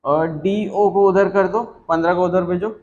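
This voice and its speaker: A man's voice: high voice, steady tone, moderate pace, darkish tone. Young guy w teaching math, chatty n teasing, roomy echo. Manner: chatty, teasing, reassuring, works sums aloud. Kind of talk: casual whiteboard math lesson. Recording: echoey room, dull lo-fi sound.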